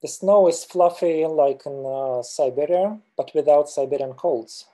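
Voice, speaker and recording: A middle-aged man from Russia, a mountain guide presenting slides on a webinar over a webcam, speaking hesitantly with many filler pauses. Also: fairly high pitch, mellow. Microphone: video call webcam.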